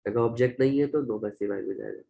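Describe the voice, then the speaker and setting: A man's voice: medium pitch, fast, gravelly, warm tone, muffled recording. A man with a Pakistani accent teaching a grammar lecture, explaining step by step and repeating each example. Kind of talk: classroom-style grammar lecture.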